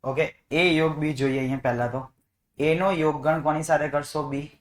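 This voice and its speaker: A man leads a math class, asking the same questions again and again to coax answers from his students. His voice sits a touch high for a man, and the classroom around him rings with echo. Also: steady tone, moderate pace. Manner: coaxing, repeats questions to students. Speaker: math teacher. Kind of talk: classroom lesson.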